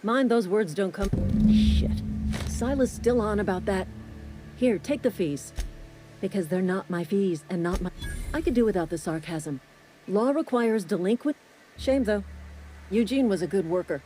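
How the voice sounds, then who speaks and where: A woman voices a gruff, impatient foreman in a video game. The delivery is curt and dismissive, in a dark, mellow tone, with faint music behind. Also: medium pitch, normal speed, pauses often, close to an everyday voice.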